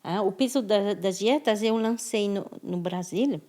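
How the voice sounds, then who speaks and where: A woman's voice: mid-range voice, unhurried, warm tone. A French-born woman speaking as a guest in an interview, thoughtful and often restarting her words. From France. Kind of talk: conversational interview.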